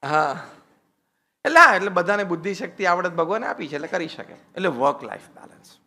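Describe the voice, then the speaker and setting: A man, a swami, giving a humorous religious discourse on married life, lively and teasing, slipping English phrases into his talk. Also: sits high, brisk.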